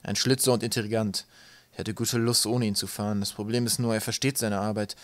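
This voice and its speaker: A man voicing a harsh, domineering sky pirate captain who shouts orders loudly. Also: on the low side, flat delivery, fairly quick, lightly acted. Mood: grim. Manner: harsh, loud, barking orders.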